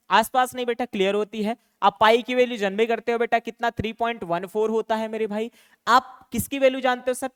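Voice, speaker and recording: A young man teaching an online maths exam-prep lesson, chatty and quick, calling students "beta" and "bhaiya" and answering his own questions. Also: very high-pitched, fairly bright tone, clear, resonant tone, dry recording, studio quality.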